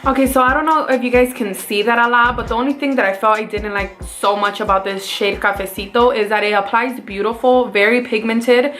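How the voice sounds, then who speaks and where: A woman's voice: a little high, fairly even intonation, brisk, few pauses, fairly bright tone. A woman with a Mexican accent, chatting casually through a makeup tutorial as a beauty vlogger and talking viewers through each step.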